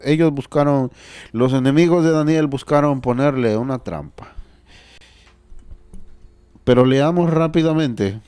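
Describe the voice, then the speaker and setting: A man's voice: medium pitch, warm tone, dry recording. A man preaching a sermon and reading scripture aloud, earnest and repeating phrases for emphasis.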